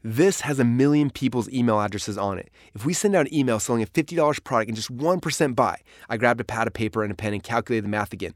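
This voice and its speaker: A man's voice: mid-range voice, animated, fast, hardly any pauses, no room sound. Man narrating a memoir, dry sound. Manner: storytelling, dramatic in places.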